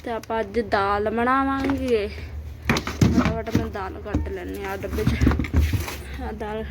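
A woman's voice: a little high, fairly even intonation, a little slow. A woman with a Punjabi accent chatting casually in a home vlog, animatedly exclaiming as she retells things, on a noisy handheld recording. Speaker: vlogger. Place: at home, moving between rooms.

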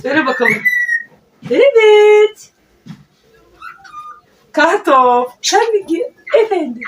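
A woman's voice: on the high side, expressive, measured pace, a bit bright. A woman chatting at home in a casual vlog, cooing affectionately to her pet parrot while she works. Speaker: vlogger. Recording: distant mic with clear background noise.

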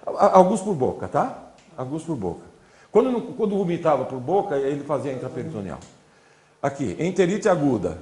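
A man gives a loose, chatty classroom lecture, walking his audience through slides. His somewhat high voice swings up and down with lively emphasis. A lecture hall echo surrounds him. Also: a little fast. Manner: chatty, repeats "olha" and "né", pointing to slides.

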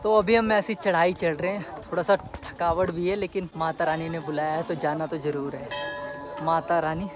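A man's voice: a little high, fairly even intonation, normal speed, loud music behind the voice. A young man filming a casual travel vlog on a phone at arm's length outdoors, talking straight to his viewers in a chatty way. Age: young adult. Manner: chatty, addresses viewers directly. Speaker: travel vlogger. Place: outdoors on a windy hill road. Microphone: phone camera at arm's length.

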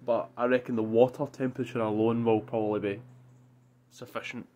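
A man's voice: mid-range voice, little pitch movement, fairly quick, warm tone. A young man with a Scottish accent chatting casually to camera as a vlogger. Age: young adult. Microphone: phone at arm's length. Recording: faintly noisy phone recording.

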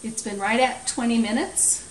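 Her voice sits on the high side as this middle-aged woman, host of a home cooking show, explains each recipe step plainly and practically, never rushing. The small home kitchen sounds roomy through a far-off microphone, with dishes, utensils and clicks clattering throughout.

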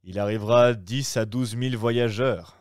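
A man doing a shrewd calm young gentleman. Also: mid-range voice, smooth, no echo, studio quality, close to an everyday voice. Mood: measured. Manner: measured, persuasive.

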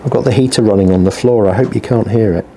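This man's voice is warm and on the low side, and he talks fast, with slight background noise. A small business owner vlogging his work, he chats casually from his workshop bench, rambling with dry humour at his own expense. The microphone sits on the bench below him, and a heater is running.

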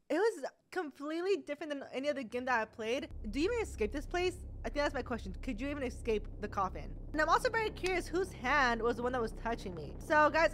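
A young woman with a high, light voice commentates her way through a horror game. She chats straight to her viewers and laughs nervously, talking along as she plays. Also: fairly bright tone, a little hiss or hum. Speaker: gaming YouTuber. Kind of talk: let's play commentary.

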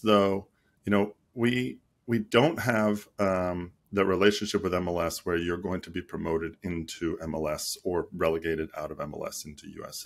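A middle-aged man, a guest on a video call interview, speaking thoughtfully with many pauses and restarts. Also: deep voice, creaky. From United States. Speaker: league marketing chief, guest. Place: small office at home. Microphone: headset on a video call.

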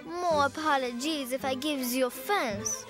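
Girl posing as a French cat, woman voicing: slow, hammy fake French accent, high pitch. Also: music in the background. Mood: romantic. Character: young girl faking a suave French tomcat.

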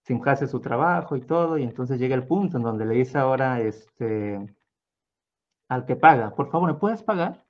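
A man's voice: mid-range voice, normal speed, highs cut off. Man telling a story. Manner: meandering, lots of fillers and restarts, acts out voices. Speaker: guest storyteller. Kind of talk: casual oral storytelling.

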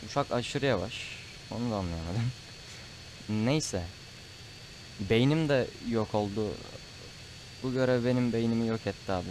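There's background noise around this man's medium-pitched voice as he does casual Let's Play commentary. Chatty with his viewers, he refers to them as "abi" and frequently has frustrated outbursts.

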